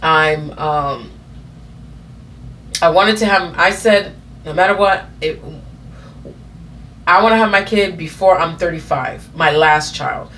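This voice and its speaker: This thirtysomething vlogger has a deep, slightly bright voice and takes her time, pausing often. She tells a personal story casually and rambles, full of fillers and self-corrections, with slight background noise behind her.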